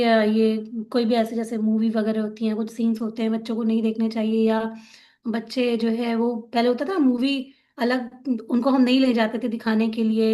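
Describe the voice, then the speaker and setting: A woman's voice: on the high side, darkish tone. A woman counselor giving an earnest, conversational talk on parenting, often checking for agreement. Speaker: wellness counselor.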